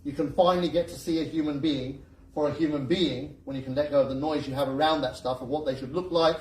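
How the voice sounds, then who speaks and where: A man's voice: on the high side, quick pace, slight background noise. A man giving a motivational seminar talk, joking and firing questions at the audience. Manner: lively, joking, asks the crowd questions. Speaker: seminar speaker. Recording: echoey room recorded from a distance.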